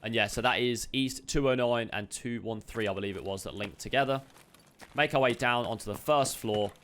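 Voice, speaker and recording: He speaks at medium pitch with a bit of brightness, narrating a video game loot guide as a streamer. The delivery is chatty and upbeat, peppered with quick asides to viewers. His voice is slightly chesty, and he coughs now and again.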